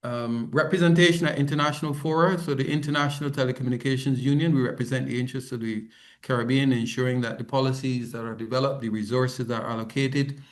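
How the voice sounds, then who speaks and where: A man's voice: mid-range voice, fairly even intonation, fast. A man from Barbados, giving a conference presentation as head of a regional organization over a remote video call. He talks conversationally, with frequent ums and self-corrections. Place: office, not the venue.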